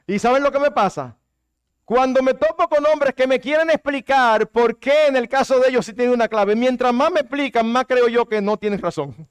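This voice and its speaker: A man, a pastor, preaching a sermon with lively delivery, acting out quoted spouses in shifting voices. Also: extremely high pitch, moderate pace, clear, resonant tone.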